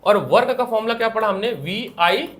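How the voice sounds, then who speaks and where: A man's voice: high voice, a little fast, fairly bright tone. A young man with an Indian accent teaching a physics class, asking questions and answering them himself. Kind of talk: classroom lecture. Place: classroom with students.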